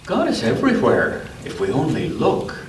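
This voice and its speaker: With a mid-range voice and huge swings in pitch, a man leads a church story time, reading a picture book to children and interrupting himself for remarks and questions about the pictures. The mic is distant, and the large church room is echoey and noisy in the background.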